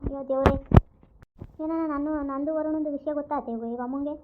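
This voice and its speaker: A woman's voice: high-pitched, fairly even intonation, fast talker, narrow, tinny audio, slight background noise, close to an everyday voice. A woman playing a defiant young daughter. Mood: sneaky. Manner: protesting, pleading. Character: defiant young daughter caught in a secret romance.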